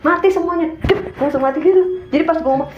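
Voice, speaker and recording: Speaking fast and very high-pitched, an Indonesian woman with Jakarta slang tells a casual story as a guest, animatedly acting out quotes in a raised voice. The audio is dull and faintly humming, with room echo.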